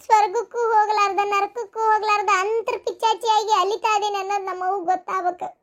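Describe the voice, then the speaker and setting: A woman voices the grieving, restless ghost of a young mother in a melodramatic cartoon story, lamenting in a North Karnataka accent with a plaintive, anguished, tearful tone. Her voice is very high and a bit bright, level in tone, and she talks fast.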